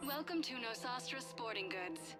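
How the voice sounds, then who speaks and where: A bright, chirpy shop announcer delivers a store loudspeaker announcement in a game. Her voice sits a touch high and her sales pitch is polished and sing-song. Game music plays loudly underneath. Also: animated, moderate pace. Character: cheerful female shop announcement voice. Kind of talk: upbeat retail advertising read.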